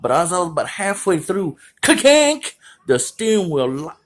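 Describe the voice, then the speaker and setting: A man casually telling profane, animated stories, often jumping into other voices. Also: fairly quick. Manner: animated, profane, acts out voices with big pitch jumps. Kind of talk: casual storytelling.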